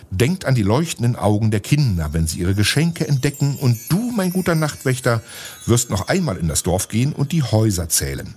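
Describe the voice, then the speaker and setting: A man's voice: lowish voice, slightly rough, full character voice. A man voicing a kindly, solemn old male wizard in a storybook, speaking in a raised, earnest way.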